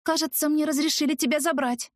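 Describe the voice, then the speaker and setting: A woman's voice: high-pitched, steady tone, fast, dry recording, clean studio sound, voice pushed up, lightly acted. A woman reading an audiobook, voicing a timid, flustered young heroine who stammers nervously. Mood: sheepish. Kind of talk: audiobook character voice.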